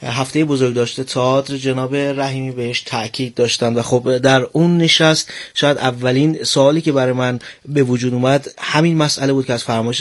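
Courteous male interviewer, long questions. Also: medium pitch. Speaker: interviewer host. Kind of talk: formal studio interview.

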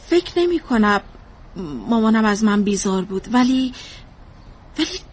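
A woman playing a high-voiced, defensive young mother. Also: expressive. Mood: evasive. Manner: defensive, evasive, breaks into tears. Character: troubled young mother fleeing her baby. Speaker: therapy client. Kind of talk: drama dialogue.

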